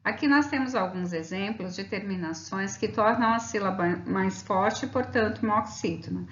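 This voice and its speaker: Woman teacher, grammar lesson, patient, slow drawn-out examples, echoey room, muffled lo-fi sound. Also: medium pitch. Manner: patient, stretches out example words slowly. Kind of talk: explaining slides in a grammar lesson. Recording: roomy, dull lo-fi sound.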